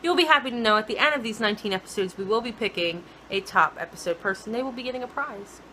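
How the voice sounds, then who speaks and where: A woman's voice: on the high side, lively intonation, fast, bright, forceful tone, a little hiss or hum, poor audio. A woman co-hosting a casual TV recap chat, talking chattily and mimicking characters playfully. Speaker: podcast co-host.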